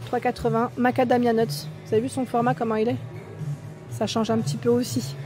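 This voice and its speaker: This fairly high-pitched woman talks a bit quickly and in a flat manner, her French accent clear as she walks a shop aisle for a haul video. She reads out product labels and prices, asks her audience questions, and music plays behind her.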